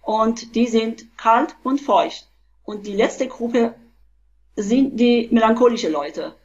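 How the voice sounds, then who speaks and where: A woman in her fifties, originally from Iran, explains things step by step, full of hesitations and restarts. Her voice sits a bit high. It comes through a webcam with a dull, muffled sound. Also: a little mellow. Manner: halting, many fillers and restarts. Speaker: physician, interview guest. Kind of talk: explanatory video-call interview. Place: small room at home. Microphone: webcam on a video call.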